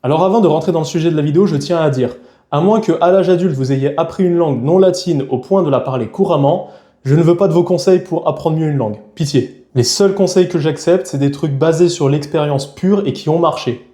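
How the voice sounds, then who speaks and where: A man's voice: on the high side, a little fast, dark tone, reverberant. A young man from France talking frankly and casually to camera in a vlog, with a chatty, slangy way of speaking. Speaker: YouTuber.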